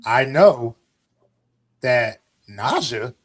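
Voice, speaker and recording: A man's voice: mid-range voice, sing-song, drawn-out words. A man co-hosting a podcast in casual conversation. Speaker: podcast co-host. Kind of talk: casual chat.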